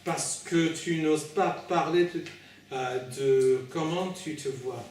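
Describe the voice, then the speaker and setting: A man who is not a native French speaker preaches informally in French with a foreign accent, in a halting, hesitant way, repeating and correcting his words as he addresses listeners directly. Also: fairly high pitch, a little mellow. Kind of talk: informal sermon at an evening meeting. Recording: very echoey room, distant mic, faint noise.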